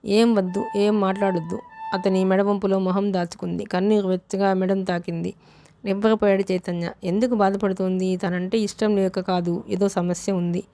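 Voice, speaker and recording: A woman narrating a novel as an audiobook in a steady, unhurried reading style. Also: mid-range voice, faint music behind.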